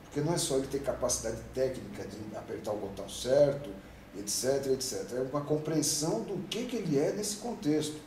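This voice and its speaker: A man's voice: mid-range voice, lively intonation, a little fast, warm tone. A Brazilian man in his fifties, a union president answering interview questions at length, emphatic and rambling, full of rhetorical questions. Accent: Brazilian Portuguese. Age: 50s. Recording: echoey room, distant mic, faint noise.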